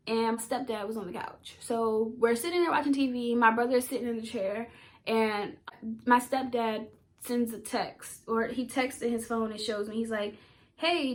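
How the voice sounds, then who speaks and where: Young woman, vlogger, somewhat high-pitched, casual personal storytelling, heartfelt, emotional. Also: moderate pace.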